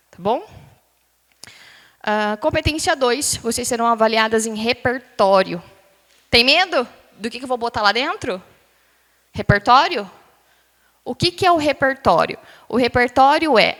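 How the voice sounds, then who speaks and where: A fairly high-voiced woman teaching a live class, quizzing the room and stretching words out slowly for emphasis. Her voice rings with the long reverb of a large hall. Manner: lively, questioning the class, drawing out words.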